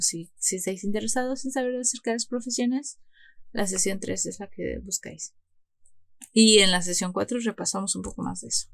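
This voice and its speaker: A woman teaching English grammar in Spanish, explaining step by step with frequent restarts and reading the English examples slowly. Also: medium pitch, gravelly, no room sound. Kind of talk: online grammar lesson.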